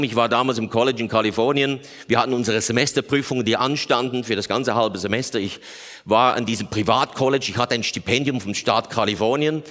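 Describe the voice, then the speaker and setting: Man, preacher, sermon, lively, bright tense voice, long echoing hall. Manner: lively, acts out quoted prayers in a higher voice.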